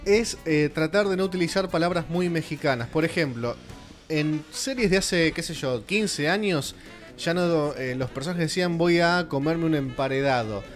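Speaking at a normal speed with a fairly high pitch, a radio host with an Argentine Spanish accent rambles through long explanations full of fillers on a casual panel show he co-hosts. Soft music runs in the background.

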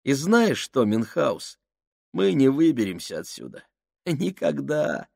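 A man voicing an unhinged male crewman who rants and giggles in a high, trembling way. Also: very animated, slow, creaky, darkish tone, dry recording, clean studio sound, full character voice. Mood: ranting.

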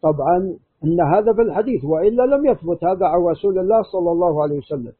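A man with a fairly high, husky voice lectures as a scholar, walking through narrator chains in a steady, methodical way. The sound is thin and tinny, like a phone line. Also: rapid-fire. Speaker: hadith scholar teaching. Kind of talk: scholarly lecture with student questions.

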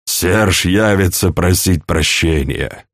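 A man voicing a shrewd, fatherly older chancellor in an audiobook, speaking in a calm, measured, persuasive way. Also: sits low, no echo, clean studio sound. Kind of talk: audiobook character reading.

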